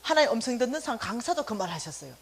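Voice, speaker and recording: A woman giving a lively testimony talk to a church congregation, telling her story with animation and acting out prayers and conversations. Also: on the high side, very fast, husky. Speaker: church lecturer on finances. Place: church hall.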